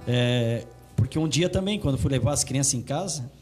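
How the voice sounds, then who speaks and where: A man giving a religious testimony in an animated, fervent way. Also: medium pitch, moderate pace, faint music behind. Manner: animated, rising excitedly as he preaches.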